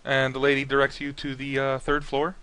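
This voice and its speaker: Bright-voiced male game master. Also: mid-range voice, clean tone. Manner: casual, halting narration with many fillers. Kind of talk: narrating a tabletop game.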